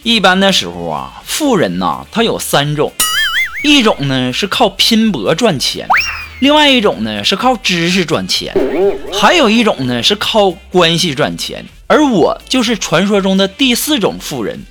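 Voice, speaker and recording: A man delivers a comic monologue, his high voice swinging widely in pitch. He tells his jokes in a chatty storytelling way. Music plays clearly behind him. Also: huge pitch swings, unhurried. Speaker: comedian.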